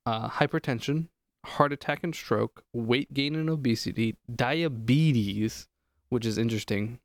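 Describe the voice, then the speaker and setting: A man chatting casually as a podcast host, working through lists aloud and tossing in jokes. His voice sits at an ordinary pitch and sounds dry and close, with no room around it. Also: measured pace, no echo. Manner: reads lists aloud, joking. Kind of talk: casual chat.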